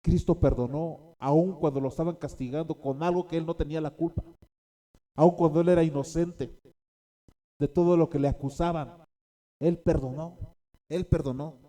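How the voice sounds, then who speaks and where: Man, pastor, sermon, repeats phrases, checks in with the congregation, raised pitch, very dark tone. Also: fairly even intonation, normal speed, pauses often.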